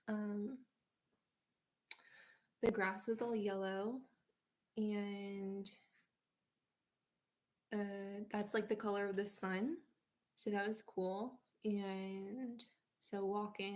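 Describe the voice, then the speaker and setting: American woman vlogger, drowsy, dreamy, rambling storyteller. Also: medium pitch. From United States. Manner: dreamy, meandering, many fillers and "like". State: sleepy.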